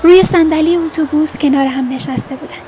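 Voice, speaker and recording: A woman narrating a novel aloud in a soft, measured way, sometimes sinking to a whisper. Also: high voice, steady tone, soft background music, poor audio. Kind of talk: audiobook narration.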